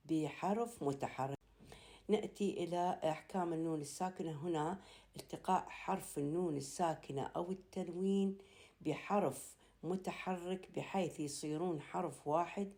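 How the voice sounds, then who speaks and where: A woman with an Iraqi accent teaching a Quran recitation lesson, explaining slowly and deliberately and chanting verses. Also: sits low, dark tone. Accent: Iraqi Arabic. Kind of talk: recorded tajweed lesson.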